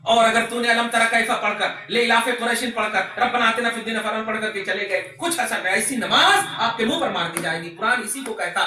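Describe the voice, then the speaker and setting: A male preacher with a very high, piercing, tense voice delivers an impassioned sermon, swelling into shouts and reciting Arabic phrases. He sits back from the microphone in an echoey room, so his words ring with reverb. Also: fairly quick, few pauses, recorded from a distance. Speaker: Islamic preacher. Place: gathering in a private home. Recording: echoey, voice from off mic.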